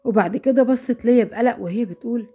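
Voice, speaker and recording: Brief: Egyptian female storyteller, young, fearful and quick, warm husky tone. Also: fairly high pitch, soft background music. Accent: Egyptian Arabic. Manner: breathless, fearful retelling. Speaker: narrator. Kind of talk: dramatic first-person horror storytelling.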